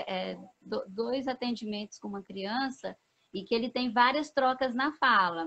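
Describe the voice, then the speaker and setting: A woman's voice: medium pitch, fairly bright tone. A woman pedagogue chatting in an interview, explaining patiently and ending many phrases with a questioning tag. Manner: explanatory, many "né?" tags and restarts. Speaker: pedagogue guest. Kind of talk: casual interview chat. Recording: dull lo-fi sound.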